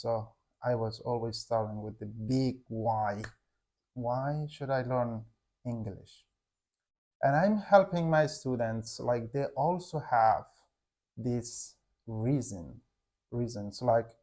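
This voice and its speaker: This is a young Hazaragi-speaking Afghan man, an English teacher and co-host of a channel, having a relaxed English chat with his wife. His pitch is ordinary and mid-range; he pauses frequently, hunts for words and circles back, plugging gaps with "like," like a teacher speaking casually to his class.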